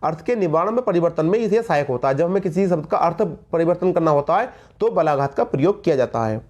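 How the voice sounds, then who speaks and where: High-voiced emphatic Hindi teacher man. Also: expressive, fast talker, darkish tone, dull audio. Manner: emphatic, repeats key words, addresses viewers as friends. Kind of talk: Hindi grammar lesson for exam prep.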